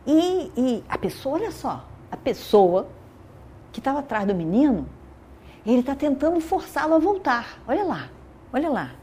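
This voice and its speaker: Animated female storyteller. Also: high-pitched, normal speed, slight background noise. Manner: animated, swinging between voices. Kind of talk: oral storytelling of an epic.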